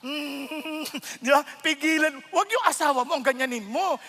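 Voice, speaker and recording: A man with a Filipino accent preaching a sermon, animated and full of rhetorical questions, switching between Tagalog and English. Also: very high-pitched, normal speed. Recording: long reverb of a large hall.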